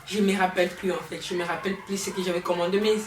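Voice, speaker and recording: A woman's voice: lowish voice, level tone, racing, reverberant, recorded from a distance, a little hiss or hum. A young woman with a Congolese French accent, telling a personal story to her viewers in a chatty, laughing way. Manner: chatty, addresses viewers directly, laughs often. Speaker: vlogger. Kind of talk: storytime chat to camera.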